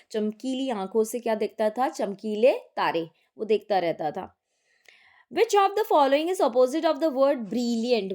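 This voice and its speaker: A woman's voice: fairly high pitch, darkish tone. A woman teacher with an Indian accent, reading poem extracts for an exam-prep lesson and explaining them, asking the class questions and answering them herself. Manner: asks questions and answers them herself, repeats key words.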